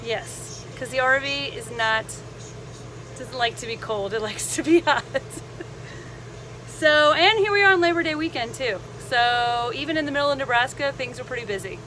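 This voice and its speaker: A woman with a fairly high voice tells a casual travel vlog story. Her delivery is animated and chatty, with a sarcastic lilt of mock enthusiasm. Clear vehicle-like background noise sits behind her. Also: moderate pace. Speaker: travel vlogger. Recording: noisy vehicle ambience behind voice.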